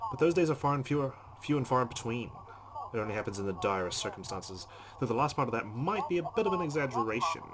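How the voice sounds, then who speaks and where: With loud background noise behind him, a let's play host reads visual novel narration and drops in asides. He has a mid-range, sing-song voice and a fast delivery.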